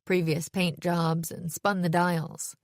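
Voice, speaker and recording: Low-voiced woman narrating an audiobook. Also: level tone, slow, dry recording, studio quality. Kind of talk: first-person audiobook narration.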